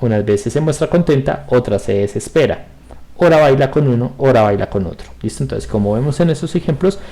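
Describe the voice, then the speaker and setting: A middle-aged man teaching a virtual grammar class, explaining patiently and often pausing to check that students follow. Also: medium pitch, dark tone. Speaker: school teacher. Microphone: computer mic on a video call.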